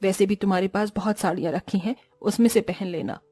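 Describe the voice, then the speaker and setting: A woman's voice: mid-range voice, a little fast, mellow, husky, no room sound, faint music behind, voice pushed down, lightly acted. A woman voicing a stingy middle-aged mother-in-law in a cartoon, talking in a scolding, dismissive way.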